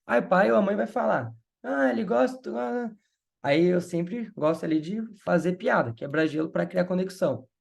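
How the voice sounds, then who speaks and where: A man's voice: sits high, creaky. A man with a Brazilian Portuguese accent giving a casual sales training talk and acting out sample phone calls. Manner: acts out calls in quick shifts of voice. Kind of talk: casual training talk with role-play examples.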